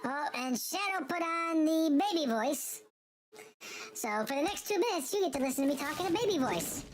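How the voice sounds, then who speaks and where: A man's voice: very high voice, sing-song, normal speed, noisy background, pitched above the performer's own voice. A man streaming a baseball game while putting on a baby voice for fun. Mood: babyish. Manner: put-on baby talk for fun. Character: high babyish voice of a grown man. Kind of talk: casual game commentary.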